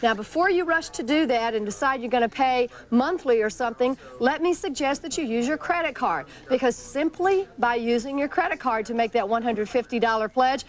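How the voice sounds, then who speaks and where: Female telethon host, high voice, persuasive and explanatory, live ad-libbed fundraising. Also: brisk, few pauses. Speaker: public television pledge drive host.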